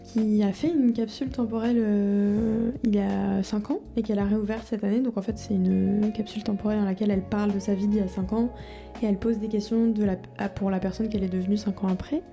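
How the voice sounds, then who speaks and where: A woman in her 20s records a casual video diary, speaking informally and hesitantly as if addressing her future self. Her medium-pitched voice is mellow, quick and flatly delivered, picked up by a mic in front of the camera with music playing behind her.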